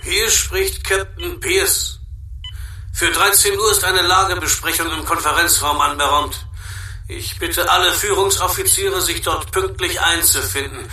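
A formal male starship captain heard through a ship's intercom, speaking in measured, official tones. The voice is a little high and very bright. It comes from a distance and rings through a roomy space. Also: steady tone, full character voice. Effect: shipboard intercom announcement.

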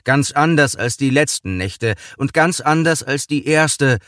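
A man's voice: mid-range voice, lively intonation, unhurried, a bit bright, no echo, clean studio sound. A man narrating a short story as a scripted literary audiobook reading.

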